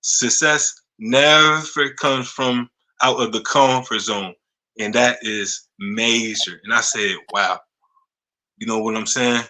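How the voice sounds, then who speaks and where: Podcast host, man, 30s; slow, halting casual talker who repeats himself; bright, forceful tone. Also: mid-range voice, rough recording. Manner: halting, repeats words, frequent "you know what I'm saying". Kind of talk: casual interview chat.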